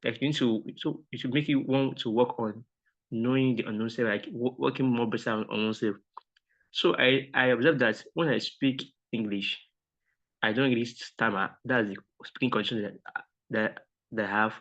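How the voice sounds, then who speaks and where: This is a mentorship participant with Yoruba as his first language, sharing a reflection during a video call. Polite and hesitant, he restarts often, his medium-pitched voice fairly bright at a normal pace, all through dull, lo-fi online call audio.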